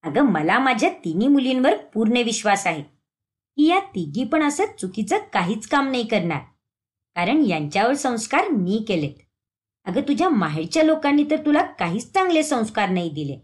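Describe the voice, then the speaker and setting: A woman reads a stern middle-aged mother-in-law in an animated family story, in a fairly high voice. She scolds and gives orders, her pitch rising and falling widely. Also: normal speed. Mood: scolding. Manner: scolding, commanding.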